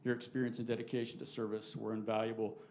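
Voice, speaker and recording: A man's voice: on the low side, monotone, quick pace, background noise. A man presenting a formal commendation to officers at a council meeting, reading it out formally. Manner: reads formally, slight restarts. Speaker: police official.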